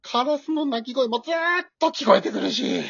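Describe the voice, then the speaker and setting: A woman's voice: high voice, lively intonation, fairly quick, creaky, husky, no room sound, heavily acted. Woman playing a timid old Kansai husband. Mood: grumbling. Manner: whiny, easily scared, blurts out. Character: timid grumbling elderly husband. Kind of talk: amateur radio drama. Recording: dull dry lo-fi recording.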